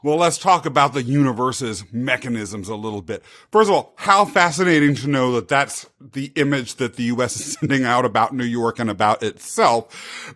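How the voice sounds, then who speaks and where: A man with a mid-range, slightly bright voice hosts a podcast interview. He's upbeat and effusive and laughs easily.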